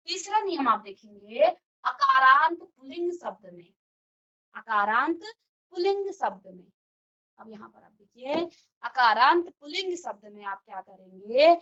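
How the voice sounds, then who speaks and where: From a virtual classroom studio comes a muffled recording of a woman teacher's grammar lesson. Her voice is high, bright, and forceful as she explains step by step, regularly raising questions only to answer them herself.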